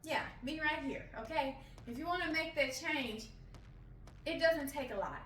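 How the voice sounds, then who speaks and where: This woman in her forties runs an encouraging fitness vlog, her high, slightly bright voice moving at normal speed. She keeps asking the viewer "okay?", heard from a distance in an echoey room over music.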